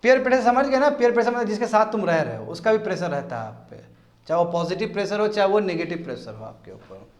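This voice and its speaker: High-voiced man lecturing a class. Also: quick pace. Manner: animated, asks students rhetorical questions. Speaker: teacher. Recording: echoey classroom.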